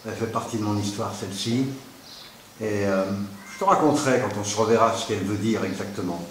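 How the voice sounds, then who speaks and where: A man playing a self-assured artist who talks calmly about his work, his voice ringing with a cathedral echo in a vast hall. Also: on the low side, brisk. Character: man, successful artist now living in the mountains, friendly and self-assured. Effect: cathedral echo, voice ringing in a vast resonant hall. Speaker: artist, sculptor and painter. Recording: cathedral-like echo, faint noise.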